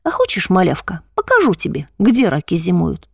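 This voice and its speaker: A woman voicing a tall, shaggy, ragged young male street bully who taunts and mocks, lower than her own voice. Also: wildly swooping pitch, normal speed, vocal fry, a little mellow, slightly rough, no echo, studio quality, full character voice. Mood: taunting. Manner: mocking, taunting.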